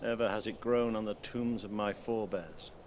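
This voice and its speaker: A man's voice: fairly low pitch, steady tone, moderate pace, slight background noise, natural voice. An actor playing a solemn, mournful old fantasy king grieving his son in a film. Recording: film audio under loud music.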